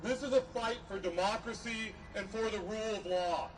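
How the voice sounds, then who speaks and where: A middle-aged man giving a podium speech as a professor at a rally, earnest, measured and emphatic. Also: high-pitched. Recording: distant mic, noisy outdoor rally.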